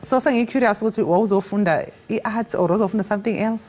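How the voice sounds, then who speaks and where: A woman's voice: medium pitch, fast talker, darkish tone. A woman, presenting and interviewing on a television morning show from a studio. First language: Zulu.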